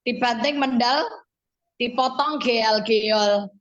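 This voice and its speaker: A woman over forty speaking in a radio studio. Her voice sits high and bright. She tells her stories in a homely way and acts out the dialogue. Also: takes it slowly, muffled recording. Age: 40s or older. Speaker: guest speaker.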